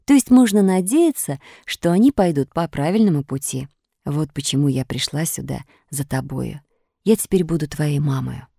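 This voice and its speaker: A woman voicing a kind, patient fairy in a calm, soft, instructive voice. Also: deep voice, moderate pace, gravelly, slightly rough, no room sound, clean studio sound, full character voice. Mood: gentle.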